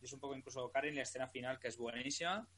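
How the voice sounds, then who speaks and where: A man, co-hosting a casual chat, relaxed and quick to jump in. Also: mid-range voice.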